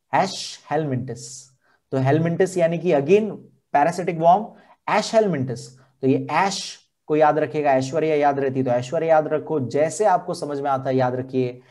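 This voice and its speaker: A man with an Indian accent teaching a board exam science lesson, slowly repeating key terms and their spellings. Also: fairly high pitch, a little mellow.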